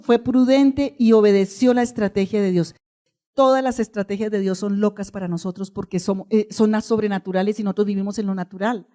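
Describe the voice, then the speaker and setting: Emphatic woman preacher, higher voice. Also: darkish tone. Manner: calls the congregation to repeat phrases; emphatic, slows down on key phrases. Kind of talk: sermon.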